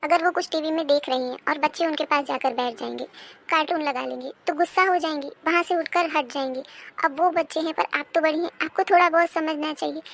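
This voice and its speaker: A woman's voice: high voice, fairly quick, creaky, a bit bright. A woman voicing a polite but put-upon young daughter-in-law in a cartoon. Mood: aggrieved. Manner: polite, then pleading and aggrieved. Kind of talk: cartoon dubbing.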